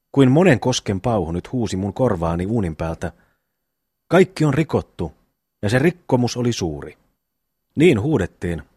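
A man's voice: mid-range voice, mellow, husky, dry recording, clean studio sound. A man voicing a brash, bossy eldest peasant brother in a classic audiobook reading. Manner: bossy, quick to scold.

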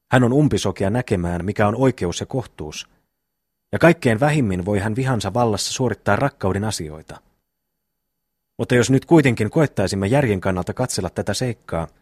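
A man's voice: fairly low pitch, darkish tone, husky, no echo, studio quality. A man reading the lines of a grown peasant brother who earnestly talks his brothers out of a fight. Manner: long solemn persuasive speech.

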